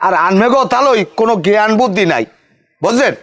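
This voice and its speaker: Man playing a gruff, scolding village father, fairly high voice, rural dialect. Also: lively intonation, fast, a bit bright. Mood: lecturing. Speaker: actor in a village comedy drama. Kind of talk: rural comedy drama acting.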